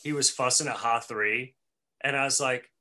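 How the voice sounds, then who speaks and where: A man's voice: mid-range voice, steady tone, moderate pace, sharp tone. A man co-hosting a podcast, chatting loosely with fillers as he recaps a cartoon episode. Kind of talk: casual chat.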